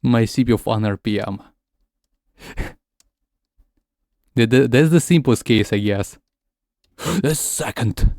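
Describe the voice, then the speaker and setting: Streaming a game and chatting casually, this native Russian speaker moves back and forth between English and Russian, frequently tripping over and repeating words. His mid-range voice is a little mellow, and he takes it slowly with frequent pauses. The studio sound is clean, with no echo.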